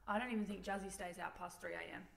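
Gravelly-voiced young woman, swearing casually. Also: on the low side, quick pace. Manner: blunt and sweary, relaxed. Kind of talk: casual chat between friends.

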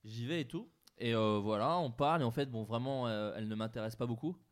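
A young man telling an animated anecdote in casual chat, acting out the quotes and laughing often. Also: medium pitch, brisk, smooth.

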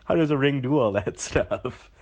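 A man's voice: medium pitch, expressive, moderate pace, a little mellow, dull audio. A man playing an upbeat, chatty male caller who gushes with fillers. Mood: enthusiastic. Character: chirpy enthusiastic male caller.

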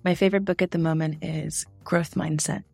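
A young adult woman answering podcast interview questions in a candid, chatty way with quick asides. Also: sits low, fairly even intonation, vocal fry, a little mellow, breathy edge, dry recording, soft background music. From grew up in the Philippines, the States and Tunisia. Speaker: guest, diversity and inclusion consultant.

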